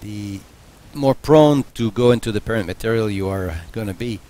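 In his home garage workshop, a man hosting a welding channel demonstrates and explains casually, thinking aloud in a matter-of-fact way with many fillers and restarts. His voice is lowish and warm, at normal speed.

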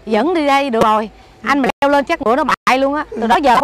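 A woman's voice: sits high, fast, crowd noise, close to an everyday voice. A woman with a Southern Vietnamese accent playing a young woman who teases her weeping ex-lover in a comedy sketch, chattering and mocking. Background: background music.

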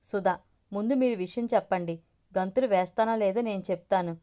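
A woman's voice: medium pitch, brisk, warm tone, close to an everyday voice. A woman voicing an eager, bustling middle-aged mother in a narrated family story. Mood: dry. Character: excited middle-aged mother awaiting her son.

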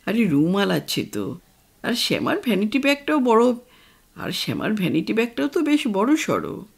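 A woman doing an old retired father in an audio storybook, teasing and food-loving. He grumbles in a slow, stubborn way with a lively, swinging pitch. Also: vocal fry, husky, full character voice. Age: over 60.

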